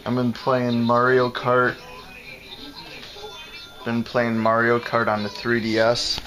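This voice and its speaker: Filming indoors at a house on a handheld camera, a young male vlogger chats playfully in a mid-range, fairly bright voice that stays monotone. He giggles and jokes, with long pauses and fillers throughout.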